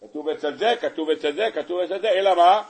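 A man, a rabbi, giving a sermon on the weekly Torah portion, telling the story in an animated way and throwing rhetorical questions at his listeners. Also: high-pitched, slightly rough. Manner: animated storyteller, acting out the scenes; asks the audience rhetorical questions.

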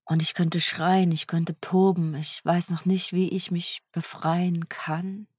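A woman speaking softly in an introspective self-dialogue, searching for words and often sinking into a whisper. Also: fairly low pitch, little pitch movement, slow pace, breathy edge, dry recording, studio quality. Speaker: energy healer.

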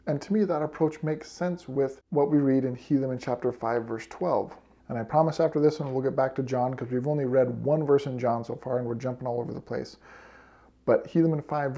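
Male devotional lesson host: earnest, reflective delivery, mellow, gravelly voice. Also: mid-range voice, lo-fi sound. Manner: earnest, reflective, reads quotes aloud. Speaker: scripture study podcast host.

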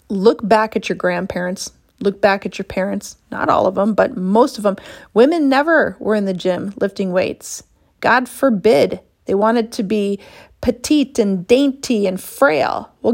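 A woman's voice: on the high side, vocal fry, a little mellow. A woman in her fifties talking straight to her audience about women's health and fitness, blunt and passionate, swearing casually and sighing in exasperation. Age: 50s. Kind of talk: casual monologue to camera.

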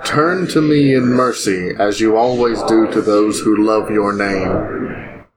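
A man's voice: on the low side, slow pace, background noise. A man's voice among a congregation, reading psalm responses together with the group.

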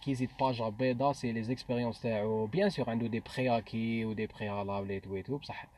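A man's voice: medium pitch, steady tone, rapid-fire, a little mellow. A man with an Algerian accent talking through ideas in a casual podcast discussion, slipping between Arabic and French. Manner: mixes French into Arabic, thinks aloud with restarts.

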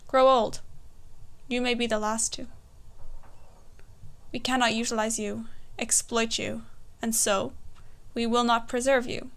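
A woman's voice: fairly high pitch, fairly bright tone. A nineteen-year-old woman with a west of Ireland accent, a poet reciting her work and talking about it. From Galway, Ireland. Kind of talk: poetry recitation and personal introduction.

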